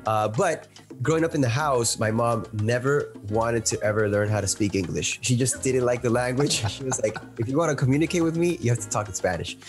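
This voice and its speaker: A man's voice: medium pitch, fairly quick. A young man from Peru raised in Miami, a music producer answering interview questions with enthusiasm, many fillers and restarts, on a video call with a studio mic. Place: small plain indoor room. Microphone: headphones and studio mic on video call.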